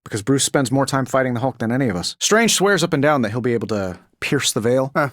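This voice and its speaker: A man's voice: medium pitch, very animated, fast, no room sound, clean studio sound, lightly acted. A man playing a cocky, wisecracking middle-aged genius superhero in a video game, with an American accent and a glib, sarcastic conversational delivery. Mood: confident. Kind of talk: video game voice lines, quippy banter.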